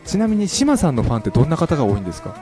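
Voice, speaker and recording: Very fast-talking male interviewer. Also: a little high, huge pitch swings, music in the background. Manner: polite, frequent responsive interjections. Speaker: radio show host. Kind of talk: casual chatty interview.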